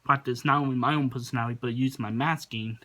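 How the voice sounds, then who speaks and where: A man hosting a reaction video, talking casually and rambling, sometimes pausing to search for his words. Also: mid-range voice, steady tone, sharp tone.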